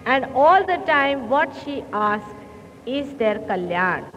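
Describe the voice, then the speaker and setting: A woman giving a slow, deliberate sermon to a hall through a microphone, often clearing her throat, heard on an old 1970s recording. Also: sits high, sing-song, a bit bright. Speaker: spiritual teacher. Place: large hall. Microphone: speaking into a hall microphone. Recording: old muffled hall recording with faint hiss.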